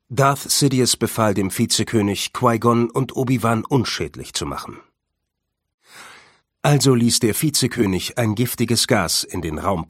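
Male storybook narrator, calm steady reading, husky and fairly low, dry close sound. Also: dry recording.

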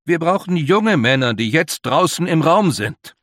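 A man's voice: fairly high pitch, lively intonation, a little slow, fairly bright tone, no room sound, voice pushed up. A grave, worried older leader, as a male reader puts him on, who presses his points in an earnest, emphatic way. The voice is dry and close, like a storybook read aloud.

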